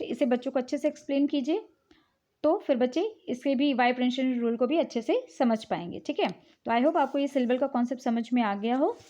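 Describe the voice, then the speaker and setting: A woman's voice: sits high, darkish tone. A woman teacher explaining English spelling rules patiently, mixing in English words and checking in often. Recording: dull, lo-fi recording.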